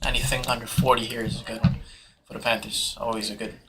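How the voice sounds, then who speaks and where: A man hosting a live sports card break, calling auction bids in hyped, fast patter. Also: mid-range voice, level tone, heavy background noise. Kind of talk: live sales commentary.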